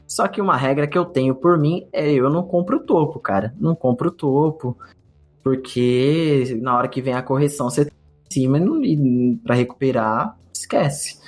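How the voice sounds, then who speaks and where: A Brazilian man co-hosts a podcast, telling a story in relaxed conversation and acting out what he used to think. He speaks Brazilian Portuguese in a mid-range voice at normal speed, with soft music playing behind him.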